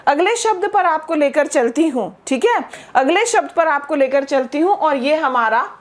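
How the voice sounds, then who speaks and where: A woman with a high voice gives a spoken English lesson at an unhurried pace. She spells out each word letter by letter and keeps asking her learners if they follow. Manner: spells words letter by letter and drills pronunciation; addresses learners directly with frequent checks like "okay?". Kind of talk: classroom-style English lesson in Hindi.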